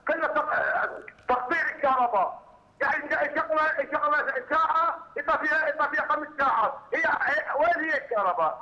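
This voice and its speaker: Furious Iraqi caller on a phone line. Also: male voice, extremely high pitch, sharp tone. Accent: southern Iraqi Arabic. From Iraq. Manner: heated, repetitive, stumbling over words. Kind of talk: angry phone-in rant. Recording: muffled phone line with hall reverb.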